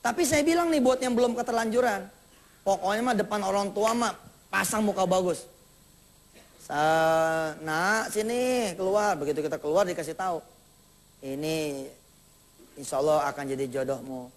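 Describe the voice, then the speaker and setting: A man with a Jakarta accent preaches to a live audience in a high, bright voice. He is animated and playful and acts out small exchanges between family members as he talks. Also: moderate pace. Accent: Jakarta Indonesian. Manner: animated, acts out little dialogues, jokes with the congregation. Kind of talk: sermon.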